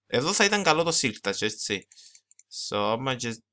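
A young man giving casual gameplay commentary, talking fast and rambling, switching into English phrases and mocking himself. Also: medium pitch, sing-song, bright, forceful tone. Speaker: gaming channel host. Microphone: desktop mic, no camera.

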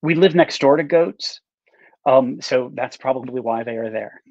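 A guest author in his middle years speaks over a video call from a room with bookshelves, rambling casually and making wry jabs at himself. His mid-range voice is a little mellow and at normal speed, recorded dry with slightly dull audio.

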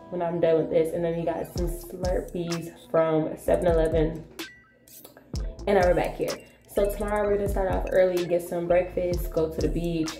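A woman's voice: lowish voice, gravelly. An American woman in her twenties recapping her day casually to camera for a vlog. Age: 20s. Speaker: vlogger. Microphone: camera a short distance away. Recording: echoey small tiled room.

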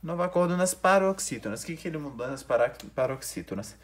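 A man's voice: on the high side, animated, quick pace. A young man, teaching a recorded online grammar review lesson and explaining step by step, sometimes restarting words.

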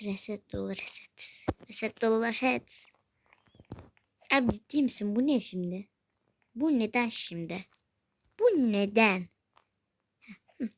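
A woman's voice: fairly high pitch, gravelly, a little hiss or hum. A woman giving casual gameplay commentary, talking to herself and often slipping into a whisper. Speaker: gaming video creator.

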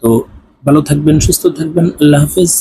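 A man from Bangladesh with a Bangladeshi Bengali accent, teaching Quran reading in a slow, drilled recitation lesson. He chants each syllable and repeats it twice. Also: on the high side, level tone, creaky, background noise.

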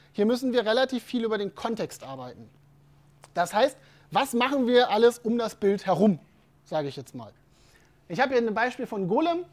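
A woman's voice: a little high, darkish tone. A woman giving an informal live presentation and speaking directly to her audience. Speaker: conference speaker.

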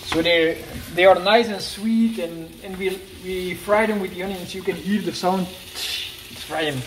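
This Dutch-speaking man hosts a casual cooking video from his kitchen, playful and full of jokes, sometimes starting a phrase over. He talks at a measured pace in a high-pitched voice. The recording comes from a moving handheld camera mic, with an echoey room, frying sounds, and a noisy background.

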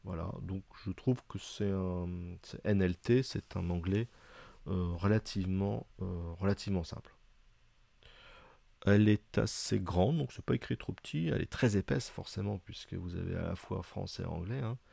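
Deep, gravelly man explaining haltingly. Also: dark tone, dry recording. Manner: hesitant, many fillers, chatty asides. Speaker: video presenter reviewing books. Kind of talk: casual explanatory review.

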